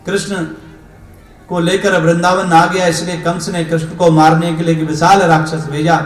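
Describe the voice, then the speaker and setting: A man's voice: fairly high pitch, flat delivery, moderate pace. A man preacher telling a scripture story in a devotional discourse, acting out the characters' dialogue. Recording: roomy hall echo with instrument music.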